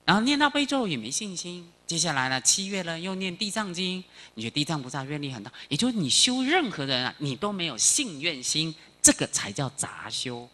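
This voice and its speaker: A male Buddhist monk giving a sutra lecture, animated, chanting phrases slowly and quizzing the audience. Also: on the high side. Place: lecture hall.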